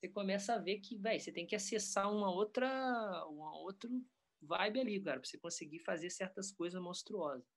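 A man, a professional skateboarder talking in a relaxed, rambling way full of slang. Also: sits high, a little fast. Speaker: pro skateboarder guest. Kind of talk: casual interview chat.

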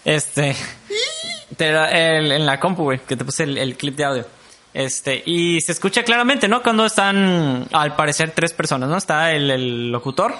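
A young man with a Mexican Spanish accent talks as a podcast co-host. His voice is bright and a little high. He chats loosely, heavy on slang and the odd swear. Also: normal speed. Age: young adult. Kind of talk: casual chat.

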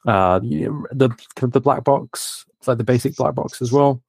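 A man's voice: mid-range voice, moderate pace, creaky, dry recording. A man being interviewed as a guest, talking hesitantly with lots of restarts. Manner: hesitant, many fillers and restarts. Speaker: game designer guest. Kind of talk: casual interview.

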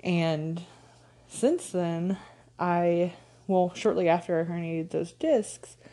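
Woman podcast host, stuffed-up nose, low-ish mellow voice, casual coaching chat full of ums. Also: takes it slowly. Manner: conversational, frequent ums, light laughs. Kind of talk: casual solo podcast talk.

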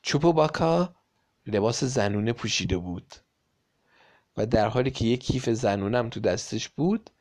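A man reading a children's story aloud with lively, dramatic emphasis. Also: mid-range voice, vocal fry.

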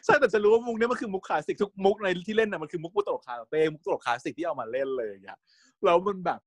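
Man, co-host of a casual review chat; animated delivery, dry close sound. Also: sits high, racing, no echo. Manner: lively, chatty, laughs often, addresses viewers directly.

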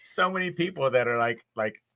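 A man's voice: medium pitch, animated, brisk, bright, forceful tone, a little hiss or hum. A man co-hosting a podcast in casual chat, rambling with fillers and chuckles. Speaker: podcast co-host.

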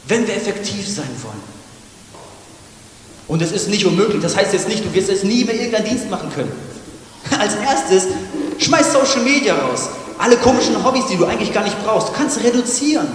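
A man with a northern German accent preaches with passion, his fairly high voice pressing hard, then sinking to a near-hush. The sound rings through a long, echoing church hall. A faint hiss sits under the recording. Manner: impassioned preaching that swings between loud urging and hushed, soft passages. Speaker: pastor. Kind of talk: sermon. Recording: echoey reverberant church hall with faint noise.

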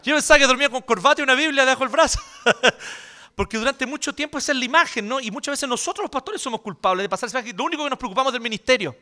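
A man with a Chilean accent, a pastor preaching a sermon in an animated, joking, colloquial way. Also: very high-pitched, very fast.

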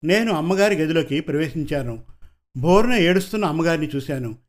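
A man's voice: a little high, animated, brisk, natural voice. A man voicing a tearful, pleading ashram helper. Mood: recounting. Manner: pleading, humble. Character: tearful middle-aged male ashram helper, devoted.

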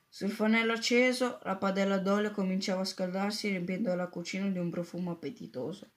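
A woman narrating a story aloud in a steady reading voice, with occasional slips and restarts. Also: mid-range voice.

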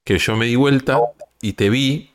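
A man's voice: medium pitch, a little slow, clean tone. An Argentine man hosting a casual podcast, teasing and prodding his guest with questions. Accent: Argentine Spanish. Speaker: podcast host.

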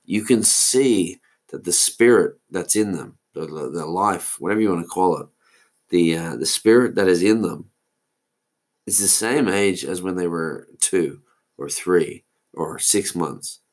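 A deep-voiced man in his 40s talks at a measured pace on his solo podcast. His rambling monologue meanders, and he often loses the thread.

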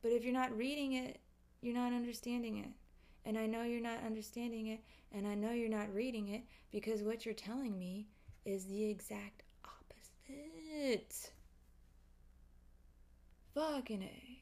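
A woman with a somewhat high-pitched voice talks as a podcast host. She delivers a casual, opinionated monologue, ranting with exasperation and emphasis. Her talk is loose and full of swearing. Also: steady tone, unhurried, a little mellow. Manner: heavy swearing.

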